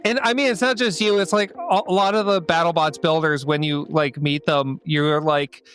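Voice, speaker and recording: A man's voice: fairly high pitch, steady tone, moderate pace, a bit bright, smooth, soft background music. A male podcast host chatting casually, enthusiastic and full of "like" fillers. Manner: gushing, heavy use of filler "like". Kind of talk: casual conversation.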